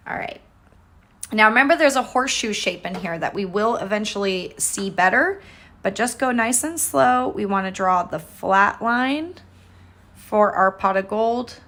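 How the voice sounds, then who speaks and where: A woman's voice: mid-range voice, animated, a little slow, a bit bright. A woman with a mid-range voice leads a casual painting lesson step by step. She talks informally and chattily, guiding learners in an encouraging way as their instructor.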